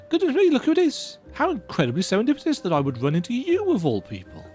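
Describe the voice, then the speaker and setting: A man voices an eager, polite engineer in glasses who speaks in an effusive, formal way, full of excited, breathless delight. His voice is high-pitched and pushed up, swooping wildly in pitch at a quick pace, with a slightly mellow tone and faint music behind it.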